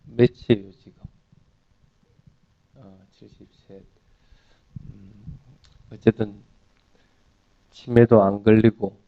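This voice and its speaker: A man gives an explanatory dharma talk, asking listeners questions and answering them himself in a didactic sermon built on everyday examples. His lowish voice is flat and slow with long pauses, and the recording is dry and lo-fi.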